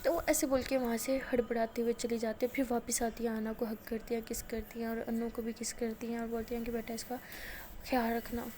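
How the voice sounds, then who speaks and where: A woman's voice: a little high, flat delivery, a little fast, few pauses, mellow, slight background noise. A young woman retelling a love story in a casual, chatty narration.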